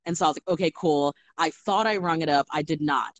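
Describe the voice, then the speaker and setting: A young woman, a bartender, telling stories in a casual, animated chat full of fillers. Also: low-pitched, fast talker, no room sound. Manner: animated storytelling with many fillers. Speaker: guest bartender.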